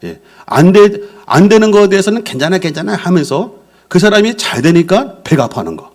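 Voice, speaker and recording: A man's voice: high-pitched, normal speed. A middle-aged male senior pastor preaching a Sunday sermon in a church, telling stories and acting out quoted speech. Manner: lively storytelling preacher, acts out quoted speech. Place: church sanctuary.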